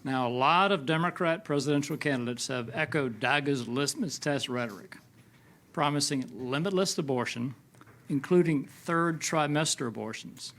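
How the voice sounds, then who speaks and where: A man's voice: a little high, moderate pace, a bit bright. A man moderating a political panel, addressing the panelists and putting questions to them.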